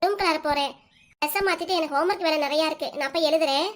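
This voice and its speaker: A woman voicing a polite, calm little schoolgirl in a cartoon, with a southern Tamil Nadu accent and gentle, obedient replies. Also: high voice, quick pace, natural voice.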